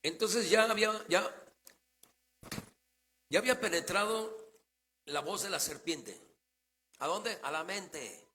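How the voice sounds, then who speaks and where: Pastor preaching in an echoing church. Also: male voice, high voice, expressive, takes it slowly, long pauses. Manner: preaching with rhetorical questions he answers himself; swings between quiet asides and loud declarations. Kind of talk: sermon. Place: church sanctuary.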